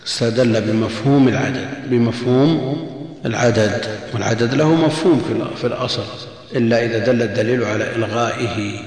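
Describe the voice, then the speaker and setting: A man giving a measured commentary lesson on a classical text, repeating key phrases and posing rhetorical questions. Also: medium pitch, darkish tone. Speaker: religious lecturer. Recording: very echoey long hall reverb.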